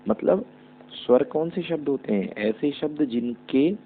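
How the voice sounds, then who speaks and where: A man's voice: on the high side, lively intonation, a little slow, husky. A male teacher giving a grammar lesson, asking his pupils questions and then answering them himself. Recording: tinny phone-like audio with hum.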